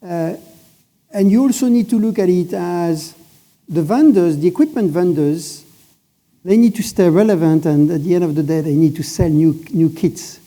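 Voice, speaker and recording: Dark-voiced man on a conference panel. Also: high voice. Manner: measured, emphatic, restarts phrases. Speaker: panelist, satellite operator executive. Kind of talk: industry panel discussion.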